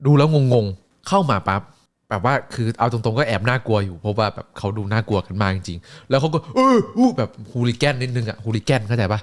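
Brief: male streamer, animated storyteller with crude slang, swooping lively pitch. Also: a little fast. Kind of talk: casual storytelling chat.

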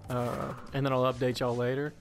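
A man's voice: mid-range voice, monotone, brisk, soft background music. A young man doing jokey, rambling let's-play commentary as channel host.

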